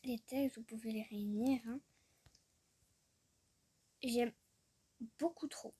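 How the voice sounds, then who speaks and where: Chatty young woman, slow and giggly. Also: fairly high pitch, steady tone, dark tone, breathy edge. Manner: chatty, trailing off, with frequent giggles; sounds out foreign words haltingly. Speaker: vlogger. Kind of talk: casual screen-recorded chat.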